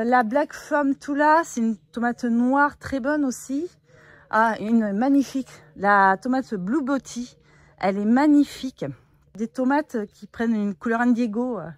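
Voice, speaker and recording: A woman's voice: on the high side, no room sound. Woman touring her garden, chatty. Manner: chatty, explanatory, frequent fillers. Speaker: gardening vlogger. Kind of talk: casual walkthrough of her vegetable garden. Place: outdoors in a garden.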